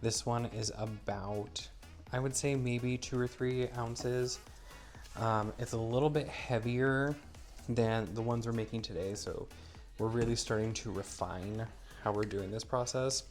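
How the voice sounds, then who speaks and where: In an unhurried, steady, mid-range voice over soft background music, a man demonstrates a product he made. He's getting over a cold, stuffy and a little wheezy, yet stays upbeat through the casual how-to, explaining each step while working.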